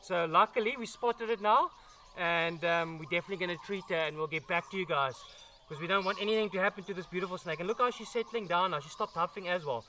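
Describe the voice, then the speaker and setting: A man's voice: sits high, fast talker, sharp tone, slight background noise. A man presenting a casual wildlife vlog outdoors at an animal sanctuary, chatty and enthusiastic as he handles a large snake.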